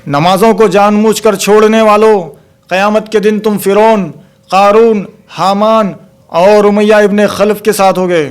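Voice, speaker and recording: A man delivers a religious talk for a recorded video in a fairly high voice for a man. His preaching is emphatic, with slow, measured recitation of Arabic verses and frequent exclamations of praise. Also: level tone, clean tone. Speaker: Islamic preacher.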